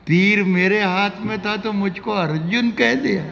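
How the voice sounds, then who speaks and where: Creaky male shayari poet, echoing hall. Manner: dramatic, drawn-out declaiming that swells high and loud. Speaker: Urdu poet reciting at a mushaira. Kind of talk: romantic shayari, ghazal couplets recited with repeats. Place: poetry gathering with audience, reverberant hall. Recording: muffled, noisy recording in a reverberant hall.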